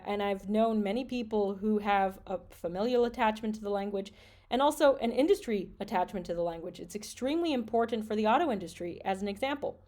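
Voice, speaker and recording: A woman from Michigan, a French teacher hosting a solo podcast, earnestly talks through her concerns about education and reads out statistics. Her voice has a medium pitch and a darkish tone.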